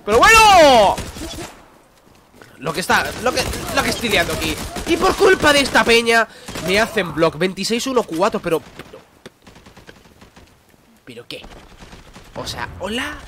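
A man with a Spain Spanish accent giving excitable live gameplay commentary, exclaiming and talking to himself. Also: sits high, measured pace, long pauses, slight background noise. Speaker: gaming youtuber. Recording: gameplay audio with gunfire behind. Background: gunfire from the game.

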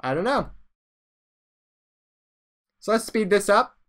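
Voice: mid-range voice, big pitch swings, takes it slowly, fairly bright tone. Rambling let's play commentator. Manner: rambling and self-mocking, trailing off into mumbles. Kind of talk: casual game commentary.

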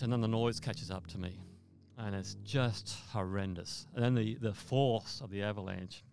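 A man from Australia, a mountaineer guest in an interview, telling a vivid story in a halting way with repeated words. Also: fairly low pitch, creaky, clear, resonant tone.

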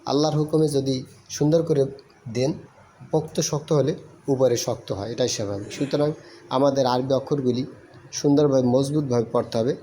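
A man teaches Arabic letters in a recorded lesson. His voice is mellow and dark, at a mid pitch. He drills his students in a slow, sing-song chant, repeating each phrase several times. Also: slight background noise.

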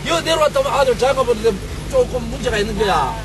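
Chatty older man, loud engine noise. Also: very high voice, lively intonation, fast talker, crowd noise. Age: 60s. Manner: chatty, explaining the valley. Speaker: local villager. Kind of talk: casual chat while driving.

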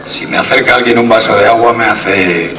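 A man's voice: lowish voice, normal speed, over a noisy crowd. A young man reads a town crier's proclamation aloud in a declamatory, rhetorical way. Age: young adult. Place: open-air village stage against a wall. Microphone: stand microphone over PA, filmed by camera. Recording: echoey amateur video, distant microphone.

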